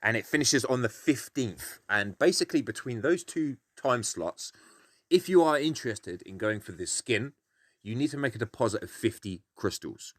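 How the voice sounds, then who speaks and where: A man's voice: medium pitch, expressive, moderate pace, a bit bright, dry recording, studio quality. A British man explaining a game in a casual, grumpy, grumbling way, blunt and sweary as he gives his opinions. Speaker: gaming video host.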